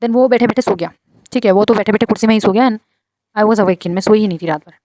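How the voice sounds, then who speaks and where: A woman telling a personal story in a casual, dramatic way. She sounds indignant and adds lively asides to her listeners. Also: mid-range voice, quick pace.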